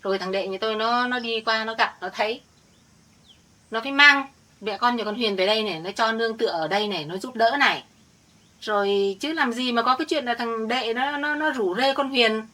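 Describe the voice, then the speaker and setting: A middle-aged woman acts in a village family drama as an older village woman defending her family, earnestly and insistently claiming she's telling the true story. Her voice is on the high side, sharp, and a little fast.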